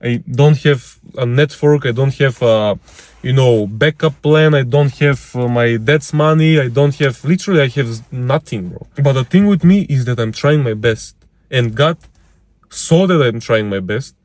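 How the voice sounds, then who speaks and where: A man's voice: mid-range voice, normal speed, a little mellow, no echo. A young man giving a casual motivational monologue, blunt and slangy, swearing and calling the listener bro, stacking up repeated phrases for emphasis. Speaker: motivational vlogger.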